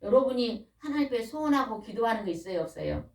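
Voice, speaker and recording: A middle-aged woman preaching a sermon in a small church. She questions the congregation and waits for answers, and she slows down to stress key words. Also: fairly high pitch, expressive. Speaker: pastor's wife preaching. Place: small church or worship room. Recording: roomy echo, voice from a distance.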